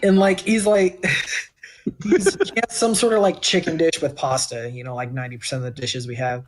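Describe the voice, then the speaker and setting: A man's voice: on the high side, fairly even intonation, normal speed. A man with a Texan accent casually chatting on a podcast, telling a work story with laughs and quoted voices. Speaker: podcast co-host. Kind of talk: casual chat.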